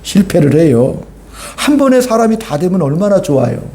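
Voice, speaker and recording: A male pastor delivers an emphatic sermon, often turning to his congregation with rhetorical questions. His voice sits high but stays mellow and soft-edged. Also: very animated, moderate pace.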